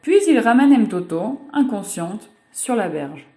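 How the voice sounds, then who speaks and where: A woman narrating a children's picture book aloud in an expressive, measured way, as the voice-over for a sign-language reading. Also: mid-range voice. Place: voice-over for a video.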